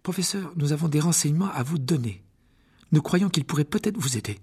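An indignant young schoolboy wizard in a storybook reading, put on by a man narrator. He pitches up higher than the narration and pushes his words out with earnest, accusing force, through a slightly husky tone. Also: expressive, fairly quick, a little mellow.

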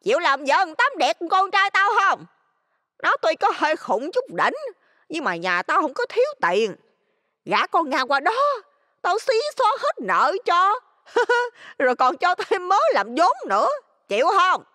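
Woman doing a shrill loan-shark dame. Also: sing-song, unhurried, sharp tone, no echo, clean studio sound, long reverb tail, full character voice. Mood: mocking. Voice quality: shrill, piercing. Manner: scolding, mocking, abrupt pitch swings. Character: shrill greedy middle-aged female village loan shark.

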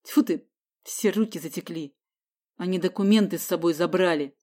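A woman's voice: fairly low pitch, moderate pace, dark tone, natural voice. Woman doing a sullen, grumbling young man.

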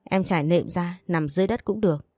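A woman's voice: lowish voice, fast talker, warm tone, dry recording, close to an everyday voice. A woman voicing an indulgent young husband in an audio story, soothing and placating. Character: indulgent young husband doting on his sister.

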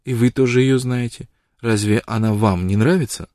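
A man voicing a proud, quick-witted young woman who answers with sharp, challenging retorts. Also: mid-range voice, dry recording, studio quality, lightly acted.

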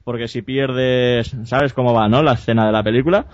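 Speaking with an accent from Spain, this male podcast host shares an anecdote in an informal, chatty way, wandering off track, fixing his own words, and dropping swear words in jokey, crude fashion. His pitch is medium, his intonation fairly even, and his pace moderate. The recording is dull, dry, lo-fi podcast audio without echo.

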